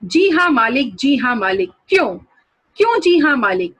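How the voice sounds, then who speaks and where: A woman's voice: high-pitched, big pitch swings, moderate pace. A woman playing a furious, scolding master. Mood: exasperated. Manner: shouting, scolding, stammering with rage. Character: angry male employer, stern middle-aged master.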